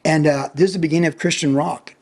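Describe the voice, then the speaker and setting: A man's voice: on the high side, steady tone, quick pace, a little mellow. A man in his sixties, a former pro surfer and pastor, telling a vivid story as a podcast guest and repeating lines for emphasis. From United States. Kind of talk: animated storytelling in a podcast interview.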